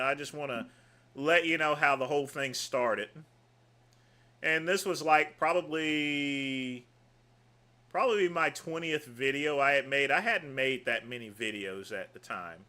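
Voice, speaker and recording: Laid back guy from north carolina on a livestream, rambly, slightly high bright voice. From North Carolina, USA. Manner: loose and rambling, self-mocking asides. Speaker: livestream host. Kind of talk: casual livestream commentary.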